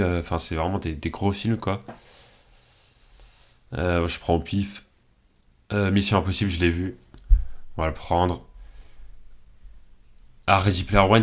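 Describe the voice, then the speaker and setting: Low-voiced man musing, full of fillers. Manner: hesitant, thinking aloud with many fillers; relaxed and candid. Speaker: channel host. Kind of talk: casual commentary while picking films.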